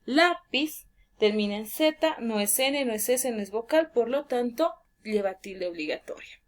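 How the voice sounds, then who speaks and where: A woman teacher giving a lesson, explaining clearly and drawing out key words slowly for emphasis. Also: on the high side, expressive, darkish tone.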